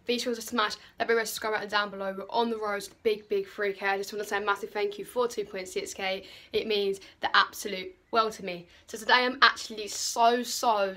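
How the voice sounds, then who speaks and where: A woman with a British accent vlogging to camera in a gushing, excitable way, repeating words for emphasis. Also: medium pitch, moderate pace. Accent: British English. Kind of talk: casual vlog to camera. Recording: noisy handheld vlog audio.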